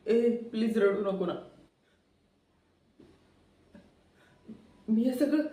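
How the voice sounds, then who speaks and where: A man acting out an obsessive young psychopath who talks in a high, unhurried voice, slow and coaxing, then cold with menace. His voice rings in an echoey room. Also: darkish tone. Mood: pleading. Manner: coaxing then threatening, pleading repeats. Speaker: auditioning actor. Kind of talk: audition monologue acting.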